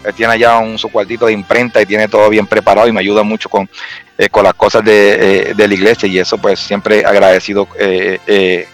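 A man's voice: lowish voice, completely flat delivery, a little fast, faint music behind. A Puerto Rican man telling stories in casual chat, full of fillers and restarts. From Puerto Rico. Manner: storytelling with many fillers and restarts. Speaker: guest.

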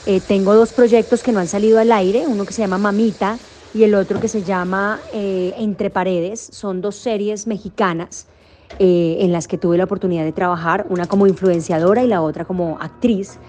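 A woman's voice: mid-range voice, fairly even intonation, normal speed, dark tone, a little hiss or hum. A young adult woman from Colombia, a voice actor and singer, answering interview questions thoughtfully with frequent restarts and fillers.

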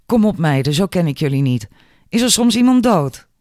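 A brash, sharp-tongued laundry woman, put on by a man lifts her voice into a sassy, taunting lilt. She needles with cheek and confidence. The sound is dry and close. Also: high-pitched, big pitch swings, moderate pace, no echo, pitched above the performer's own voice. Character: sharp-tongued cocky female laundry worker.

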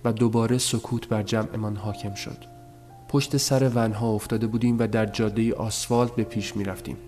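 A man with a fairly low voice reads a story aloud as an audiobook. His telling is measured and subdued, and soft music plays faintly underneath. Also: steady tone. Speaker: narrator. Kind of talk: audiobook narration.

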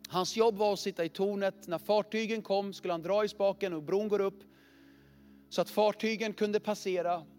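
A male preacher telling a story in a sermon, earnest and often dropping to a hushed, heavy voice. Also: high voice, fairly even intonation, faint music behind.

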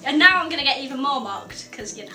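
A woman's voice: high-pitched, lively intonation, quick pace, reverberant, music in the background. A young woman with a Geordie accent, co-hosting a student radio show in casual, giggly chat. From North East England. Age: young adult. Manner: chatty, giggly, exclamatory.

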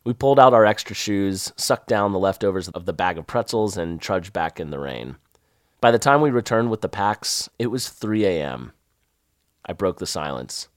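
In a dry, close recording, a Southern man relates a personal story in a wry, lively first-person voice. He speaks at a moderate pace, his voice sitting low but swinging widely in pitch.

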